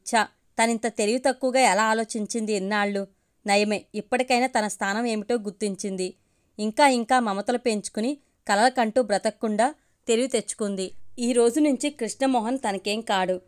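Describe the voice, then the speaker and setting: Give me a woman with a fairly high voice reading a story. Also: moderate pace.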